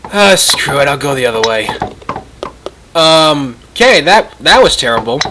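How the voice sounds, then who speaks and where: An excitable player chatting casually and exclaiming while playing a game in a voice call. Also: mid-range voice, unhurried, noisy background. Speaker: player in a group gaming video. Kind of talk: casual gaming chat and reactions.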